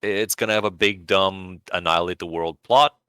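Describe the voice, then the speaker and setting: A man's voice: deep voice, steady tone, moderate pace, sharp tone, smooth, no room sound. A man co-hosting a podcast in casual chat, with dry, sardonic humor. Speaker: podcast co-host.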